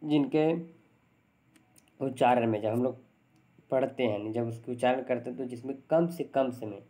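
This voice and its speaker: A man's voice: mid-range voice, normal speed, mellow. A man teaching grammar to exam students, asking questions and answering them himself, often repeating definitions. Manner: asks and answers his own questions; repeats definitions, says "thik hai" often. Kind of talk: Hindi grammar lesson.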